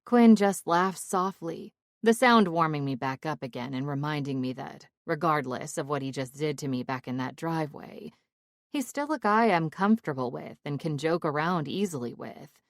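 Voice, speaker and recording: A woman narrating an audiobook in the first person, wry and expressive. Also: low voice, normal speed, no room sound, clean studio sound.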